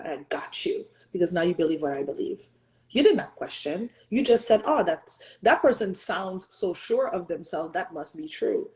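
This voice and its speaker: In a motivational talk, an earnest host in her thirties uses a warm, mellow, mid-range voice. She pushes her audience with emphatic rhetorical questions and sometimes slides into French or Haitian Creole, all on a rough recording.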